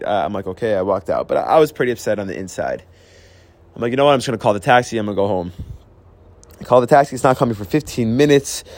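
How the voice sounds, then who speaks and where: A young man talking earnestly about handling emotions, telling personal stories with frequent restarts. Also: mid-range voice. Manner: earnest, storytelling, with restarts and "I'm like". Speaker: host sharing personal advice. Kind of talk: reflective personal talk.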